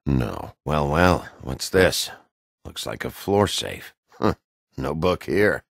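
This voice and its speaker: In a full character voice, a male actor plays the game's hard-boiled wolf detective, gruff and weary, with a bass, gravelly, husky sound. He questions in a blunt, dry, brooding manner, recorded with no room sound.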